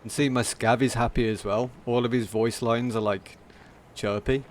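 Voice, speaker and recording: A man streaming a game, talking through it in a casual, monotone commentary. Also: medium pitch, normal speed, slight background noise.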